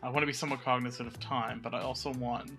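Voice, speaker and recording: A man hosting a podcast in casual chat, relaxed with frequent filler words. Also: mid-range voice, rapid-fire, soft background music. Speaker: podcast host.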